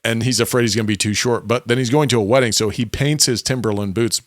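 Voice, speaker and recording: A man's voice: medium pitch, fairly even intonation, quick pace, dry recording. Male podcast co-host, chatty storyteller, average voice, dead-dry recording. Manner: rambling, enthusiastic retelling with many restarts. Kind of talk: casual chat.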